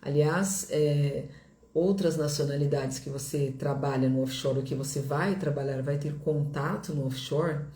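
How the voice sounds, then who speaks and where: A middle-aged Brazilian woman with a Brazilian Portuguese accent teaches English in a direct-to-camera video lesson, speaking in a low, steady, dark-toned voice at an unhurried pace. She is reassuring and repetitive, often checking in with the viewer by asking "ok?". The room sounds echoey.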